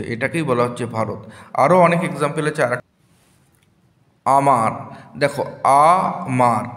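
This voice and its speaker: Male teacher, slightly high voice, patient and repetitive, echoey reverberant room. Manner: slow, repeats words syllable by syllable for children. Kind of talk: classroom grammar lesson.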